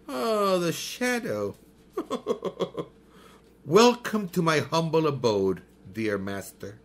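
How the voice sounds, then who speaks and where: In 1930s-style radio drama fashion, an actor plays a haughty, smug male mystic who scorns his enemy. His high, sing-song voice is creaky, extremely slow and heavily acted. The mood is scornful, and he mocks, laughs and sounds pompous.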